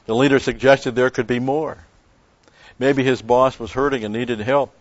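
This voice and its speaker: A man preaching a sermon in a measured way, with emphatic stresses. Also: mid-range voice, steady tone, no echo, dull audio. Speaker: pastor.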